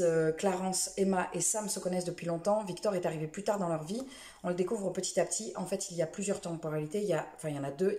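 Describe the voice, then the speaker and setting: A woman's voice: fairly low pitch, warm tone, roomy sound. A woman chatting casually about the books she read this week, rambling a little, with lots of fillers and self-corrections. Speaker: book vlogger. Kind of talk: casual book review chat.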